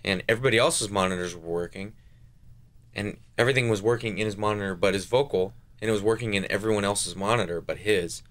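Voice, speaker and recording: A man's voice: fairly low pitch, quick pace, a bit bright. A young man, a band member guest on a radio interview, talking casually and rambling with lots of filler words.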